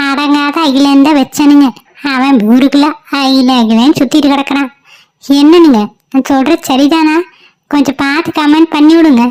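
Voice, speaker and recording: A woman voicing a gossipy high-pitched village mother. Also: a little mellow, lightly acted. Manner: gossipy, talks to the viewer, slow and drawn out. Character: chatty village mother complaining about her wayward son.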